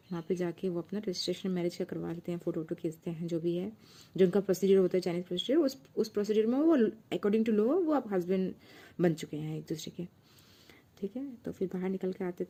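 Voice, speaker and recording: A woman's voice: mid-range voice, mellow. A woman casually retelling a romance fan fiction story in a chatty, loose way, with many fillers.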